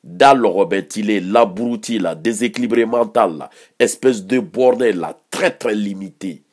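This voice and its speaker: A man's voice: fairly low pitch, measured pace, a little mellow. A man with a Malian accent giving heated political commentary, combative and mocking, repeating phrases for emphasis.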